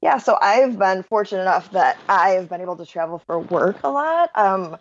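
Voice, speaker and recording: A woman in her thirties, a wedding photographer talking as a podcast guest, bubbly and quick to laugh, with lots of "like". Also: medium pitch, lively intonation, highs cut off. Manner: bubbly, laughs often, says "like" a lot. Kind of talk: casual interview chat.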